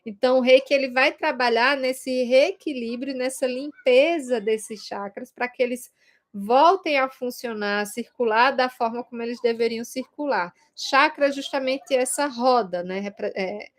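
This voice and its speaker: Speaking at a moderate pace in a fairly high register, this Brazilian Portuguese-accented Reiki teacher explains things casually, as though chatting directly with her students. She tacks on little tag questions to make sure they're following.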